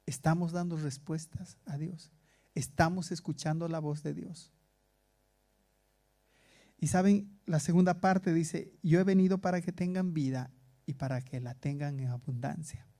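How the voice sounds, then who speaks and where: A man's voice: a little high, steady tone, unhurried, warm tone. A pastor preaching a sermon to his congregation in a conversational way, asking rhetorical questions. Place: church in Stockholm.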